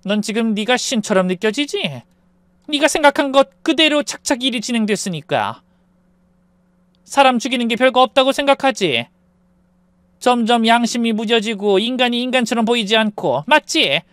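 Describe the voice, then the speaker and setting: A man voicing a calm, menacing middle-aged mother who talks slowly and softly in a Korean story narration. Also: mid-range voice, no room sound, pitched above the performer's own voice, lightly acted. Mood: coldly menacing. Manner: slow, soft and chillingly calm.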